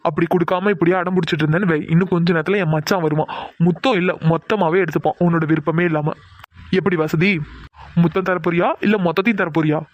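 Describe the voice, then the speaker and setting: A man voicing a fast-talking sneering college bully. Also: fairly high pitch, fairly even intonation, no room sound, dull audio, lightly acted. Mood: taunting. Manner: taunting, coaxing, then whiny and begging. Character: young male college bully, sneering then pleading. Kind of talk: cartoon drama voice acting.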